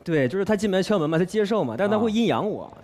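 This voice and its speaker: A man telling an earnest, comedic personal story on a variety talk show, his voice dropping softly on asides, in a television studio. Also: high voice, expressive, rapid-fire. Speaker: guest storyteller.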